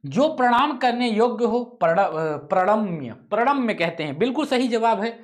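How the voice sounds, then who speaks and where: Speaking in a high, animated voice at ordinary speed, a male teacher leads an online class working through test questions. He repeats every question, thinks out loud, corrects himself, and drops offhand comments to his students.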